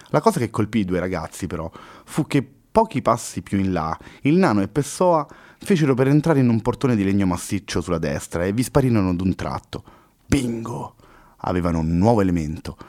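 A man reading a story aloud in a measured, expressive way. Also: on the low side. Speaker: narrator.

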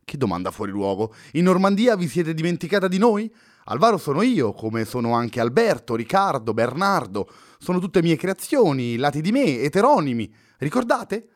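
A man voicing an excitable male poet who speaks in a formal, old-fashioned way, in a dry-sounding recording. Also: mid-range voice, brisk, dry recording, natural voice. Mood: irritated.

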